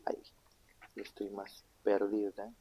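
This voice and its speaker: A man preaching a sermon, asking the congregation questions and answering them himself, swinging between loud emphatic lines and low hushed asides. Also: monotone, normal speed, husky. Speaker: pastor. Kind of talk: sermon Bible teaching.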